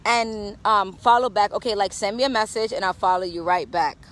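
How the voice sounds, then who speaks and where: A woman's voice: medium pitch, fairly quick, fairly bright tone, rough recording. A woman from Jamaica ranting in a brash, profane, sassy way on a casual phone livestream, outdoors in the rain. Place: outdoors in rainy weather.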